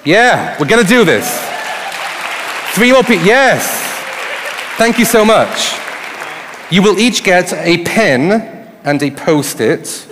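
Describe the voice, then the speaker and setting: A man's voice: on the high side, fairly bright tone, a little hiss or hum. A man giving a live conference talk on stage, often putting questions to his audience. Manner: addresses the audience with rhetorical questions. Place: on stage in a large hall before an audience. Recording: reverberant hall with audience sound.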